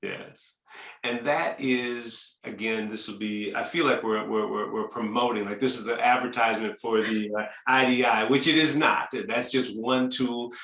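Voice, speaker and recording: A man's voice: medium pitch, fairly even intonation, moderate pace, fairly bright tone, reverberant. A man hosting a webinar interview, chatty, reading out audience questions and restarting his sentences often. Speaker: host.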